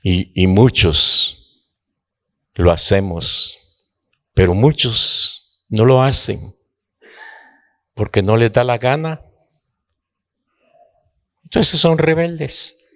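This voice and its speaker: A man preaching a sermon to his congregation, slow and dramatic, rising to impassioned outbursts. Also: fairly low pitch, fairly bright tone. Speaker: apostle, preacher.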